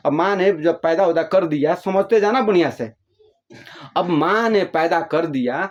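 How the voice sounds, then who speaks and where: A man with a slightly high voice talks about spiritual ideas in a loose, chatty way. He keeps repeating phrases and acts out small scenes from family life. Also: a little mellow, lo-fi sound. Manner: repetitive, explains with homely examples, acts out little dialogues. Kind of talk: casual spiritual talk.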